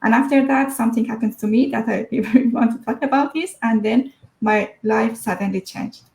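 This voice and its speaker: A woman's voice: a little high, normal speed, vocal fry, a little mellow, roomy sound, poor audio. A woman in her thirties from Iran, a guest telling her story over a video call, hesitant with many fillers. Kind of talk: online interview.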